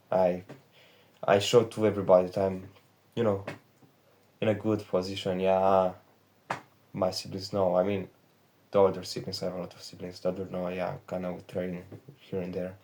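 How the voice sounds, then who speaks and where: An 18-year-old Romanian trading vlogger speaks with a Romanian accent in a low-pitched, darkish voice. Filming from his bedroom with a phone's back camera, he rambles through a candid, profane confessional vlog.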